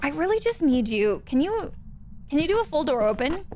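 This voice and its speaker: A young woman streams a ghost-hunting game, chatting casually and greeting viewers by name. Her voice is high-pitched and sing-song, a little fast, with a darkish tone and slight background noise.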